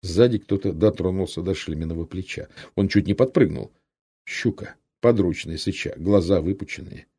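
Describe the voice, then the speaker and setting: Gravelly deep-voiced man narrating. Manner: steady measured storytelling. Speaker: audiobook narrator. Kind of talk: scripted narration.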